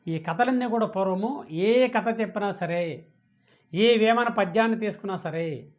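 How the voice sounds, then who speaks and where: A man's voice: high-pitched, unhurried. A man giving a spiritual discourse, asking questions and answering them himself. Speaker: spiritual teacher. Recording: dull lo-fi audio.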